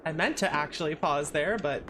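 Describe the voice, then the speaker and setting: A woman's voice: low voice, moderate pace, noisy background. A woman with an English accent giving casual, rambling live commentary while streaming a video game. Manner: rambling, reactive, exclaiming at the game. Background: game audio.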